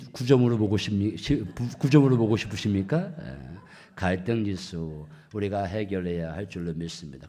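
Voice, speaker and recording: Animated Korean pastor preaching. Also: male voice, mid-range voice. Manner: animated, rising to loud emphatic peaks; questions to the congregation. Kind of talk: sermon. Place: church sanctuary.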